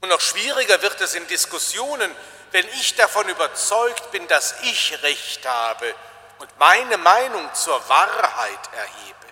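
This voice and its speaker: A man giving a reflective sermon as a preacher, speaking slowly, deliberately and with emphasis. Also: high-pitched, big pitch swings, bright, forceful tone. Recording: long hall reverb.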